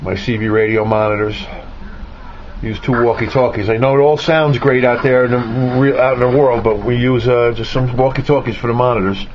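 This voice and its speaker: In a cluttered indoor garage and radio room, a man with a mid-range voice talks fairly quickly and steadily, showing off his radio hobby gear on an unplanned tour full of self-deprecating, joking brags. The recording comes from a handheld camera's built-in mic, so it sounds muffled and noticeably noisy.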